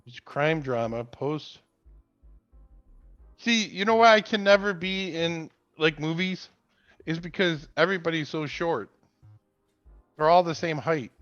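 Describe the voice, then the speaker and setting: A joking man from upstate New York co-hosts a casual livestream, reading out viewer comments. His voice sits a little high. The sound is slightly dull and lo-fi, with faint music behind him. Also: expressive, unhurried, pauses often, a bit bright. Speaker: co-host.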